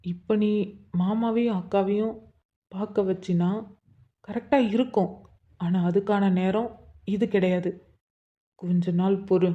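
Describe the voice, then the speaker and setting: A woman playing an inquisitive younger brother in a cartoon story. He sits a bit high and keeps asking questions and puzzling things out loud. The sound is dull and lo-fi. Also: moderate pace, long pauses, natural voice. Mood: hushed. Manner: questioning, thinks aloud. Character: young man, curious probing younger brother.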